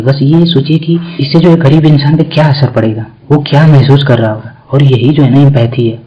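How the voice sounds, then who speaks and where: A man's voice: mid-range voice, dull audio. A man giving a motivational lecture to exam aspirants in a conversational way, speaking straight to the viewers. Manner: conversational, addresses viewers directly with repeated fillers. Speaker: exam coaching teacher.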